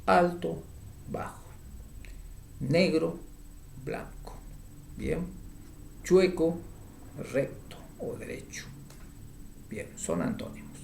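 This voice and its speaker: Male teacher, slightly high voice, slow and deliberate, repeats examples, echoey room. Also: huge pitch swings, creaky, a little hiss or hum. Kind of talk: spoken grammar lesson.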